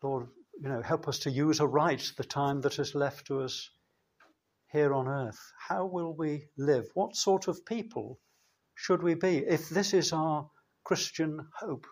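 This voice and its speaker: A man preaching a sermon in a church, slow and measured, with emphatic pauses. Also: fairly high pitch, darkish tone.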